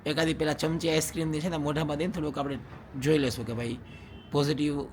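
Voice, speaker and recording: A man's voice: on the high side, little pitch movement, fast talker, a little mellow, slight background noise. A young man vlogging at home as a husband, chatting casually and teasingly with viewers and laughing often. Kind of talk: casual vlog chat to viewers.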